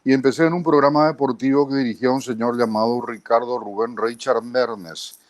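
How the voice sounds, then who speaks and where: Paraguayan man in his fifties, mid-pitched radio voice, trained diction, measured interview guest. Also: steady tone, no echo. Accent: Paraguayan Spanish. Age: 50s. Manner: measured, tags lines with a questioning aside. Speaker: guest, broadcaster and journalist. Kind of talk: interview storytelling.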